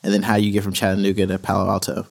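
A man's voice: low-pitched, monotone, rapid-fire, gravelly. A man co-hosting a podcast, upbeat, who laughs easily and leads with questions. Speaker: podcast co-host. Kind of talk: casual interview chat.

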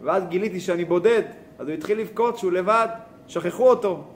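A man's voice: high-pitched, slight background noise. A man teaching a Torah lesson, asking rhetorical questions and telling a story. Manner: animated, asks rhetorical questions.

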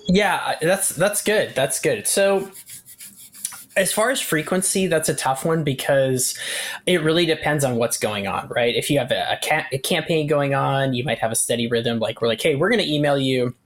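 A man's voice: medium pitch, moderate pace. A man giving casual, explanatory advice as an interview guest, talking conversationally and acting out little example lines. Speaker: guest email marketing expert.

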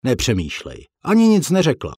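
A man's voice: mid-range voice, wildly swooping pitch, darkish tone, breathy edge, dry recording, voice pushed up. A man reading the lines of a curt, suspicious middle-aged businessman in an audiobook, with a terse, dry way of asking questions.

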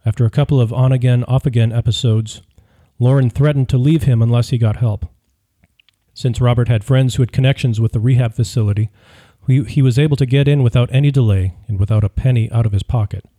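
A man reading a true-crime audiobook in scripted narration, measured and even. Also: medium pitch.

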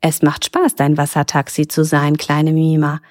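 A woman voicing a huge, lonely, gentle female sea turtle in a storybook. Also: sits low, completely flat delivery, normal speed, no room sound, clean studio sound, lightly acted.

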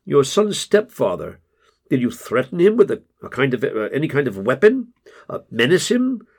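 A man voicing a calm, soft-spoken male group therapist who speaks in a measured, gently probing way. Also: medium pitch, breathy edge, full character voice.

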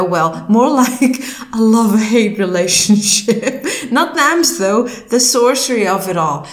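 A woman in her forties hosts a podcast in a loose, self-mocking monologue full of swearing and laughs. She takes her time with each phrase. Her voice rings in a roomy, echoey space. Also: mid-range voice. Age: 40s. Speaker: podcast host. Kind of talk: casual monologue. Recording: roomy echo.

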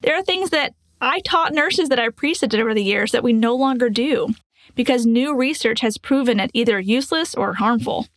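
A woman's voice: fairly high pitch, animated, moderate pace, no room sound. A woman in her forties, a nurse hosting a podcast, telling a patient story and teaching in an earnest, explanatory way with rhetorical questions.

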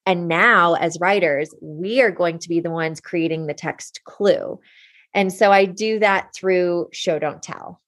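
A young adult woman teacher, a podcast guest, telling classroom stories in an animated way and laughing often. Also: fairly low pitch, a little slow. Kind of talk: conversational interview.

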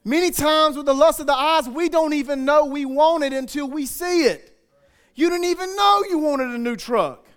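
A man's voice: extremely high pitch, normal speed, a bit bright. A male pastor preaching a sermon in a conversational, joking way with asides to the congregation.

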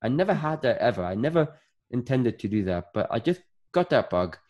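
A man's voice: medium pitch, very animated, brisk, darkish tone, dull audio. A man in his thirties from Northern Ireland, a podcast guest chatting casually and rambling with many fillers. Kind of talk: casual interview chat.

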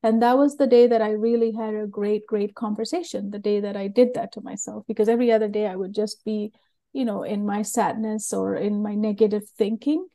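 In a candid personal interview, a middle-aged Sri Lankan woman who created a learning method tells her story as a guest. She speaks openly and earnestly in loose, rambling phrases, with a mellow, mid-range voice that is fairly quick and fairly even in intonation.

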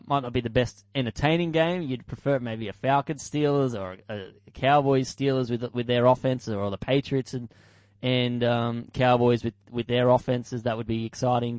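A man's voice: medium pitch, darkish tone, dry recording. An Australian man co-hosting a casual sports podcast, losing his voice and rambling with fillers as he talks betting lines and wraps up the show. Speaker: podcast co-host.

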